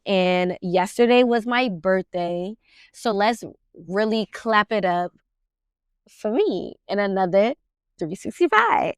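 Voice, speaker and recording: A woman's voice: mid-range voice, clean tone, dry recording, clean studio sound. A woman in her twenties hosting a casual podcast chat, rambling and filling her talk with "like". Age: 20s. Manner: rambling, heavy use of "like". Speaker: podcast host.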